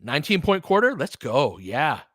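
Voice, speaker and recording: A sports host with a fairly high, sing-song, somewhat bright voice and a breathy edge covers basketball at normal speed. His informal play-by-play and analysis are chatty, opinionated and mildly profane, captured in studio quality without echo.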